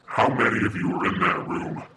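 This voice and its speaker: An actor playing a mysterious anonymous caller whose voice runs through an electronic disguiser that makes glitchy robotic pitch jumps, talking in a curt, secretive and insistent way. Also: sing-song, brisk, vocal fry, bright, forceful tone, a little hiss or hum, full character voice. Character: mysterious anonymous caller hiding their identity.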